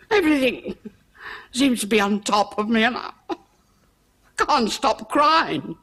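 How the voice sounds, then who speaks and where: A woman's voice: on the high side, lightly acted. A woman playing a proud, grieving older cook. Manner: working-class speech, defensive, then tearful and lonely. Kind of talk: 1970s period television drama.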